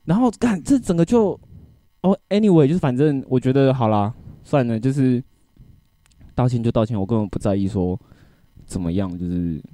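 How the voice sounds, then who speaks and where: A man's voice: medium pitch, normal speed, dry recording. A man, venting in casual podcast chat, swearing often and checking that his listener follows. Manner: animated venting, swears often, keeps asking if you get it. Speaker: podcast co-host.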